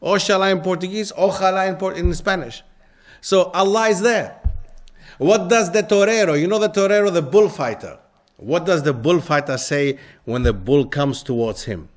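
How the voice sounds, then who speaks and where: A man's voice: high-pitched, normal speed. A man giving an interactive lecture to a live audience, often stopping to put questions to the listeners. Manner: quizzes the audience with frequent questions. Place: lecture hall.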